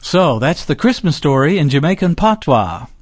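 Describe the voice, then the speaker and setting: A man's voice: on the high side, big pitch swings, moderate pace, no room sound, studio quality, faint music behind. A man hosting an interview, introducing material and putting questions to his guest conversationally. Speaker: interview host.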